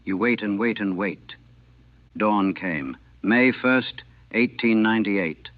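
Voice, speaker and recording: Slowly and in clipped, plain sentences, a low-pitched older man recalls a battle from his navy days. Heard on an old 1940 recording, his first-person account comes through thin, dry and phone-like, with no room sound.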